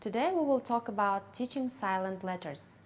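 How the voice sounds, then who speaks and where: A woman from Kyrgyzstan, an English teacher, giving a careful training talk and a demonstration lesson with clearly articulated words. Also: mid-range voice, a little hiss or hum. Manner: slow, deliberate, clearly articulated.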